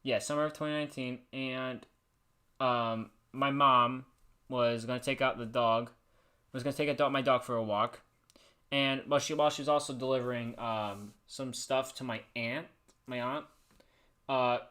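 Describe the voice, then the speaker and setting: A man hosts a livestream, rambling casually through stories and frequently restarting or repeating phrases. His mid-range voice is pushed and bright, with fairly even intonation and a moderate pace. He speaks into a streaming mic that he adjusts by hand.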